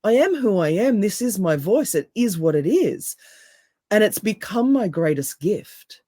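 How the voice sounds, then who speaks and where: A woman with a deep, raspy voice and an Australian accent talks as a coach in a podcast interview. She speaks with emphasis and fires off punchy rhetorical questions. Her tone is mellow and warm, and the recording is dry and close. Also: sing-song, measured pace, dry recording. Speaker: NLP coach and hypnotherapist, guest.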